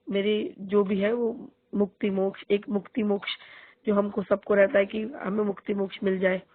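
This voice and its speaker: A middle-aged woman speaks to a congregation in a devotional testimony. Her sore throat leaves her voice husky and gravelly, and she says things twice for emphasis. The sound is tinny, phone-like and dry. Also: medium pitch, dry recording. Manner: earnest, repeats phrases for emphasis. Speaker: devotee sharing a spiritual experience.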